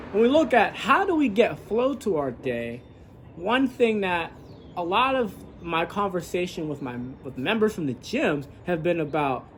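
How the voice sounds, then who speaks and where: A man with a notably high voice talks through his thoughts in a casual vlog. He rambles reflectively, like a coach offering advice. He is outdoors, with light background noise under his words. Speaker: fitness coach and gym owner vlogger.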